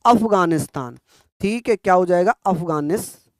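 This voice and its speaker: A young man teaching an exam-prep lesson fast, repeating answers and quizzing his listeners. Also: sits high, expressive, no room sound, studio quality. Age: young adult. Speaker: exam coach.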